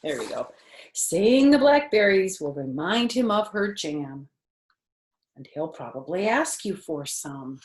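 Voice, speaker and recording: A lowish, slightly mellow, sing-song voice belongs to an older woman reading a children's picture book aloud. Grandmotherly and chatty, she questions her listeners, pauses over phrases and makes offhand asides in this animated read-aloud, recorded with a roomy sound.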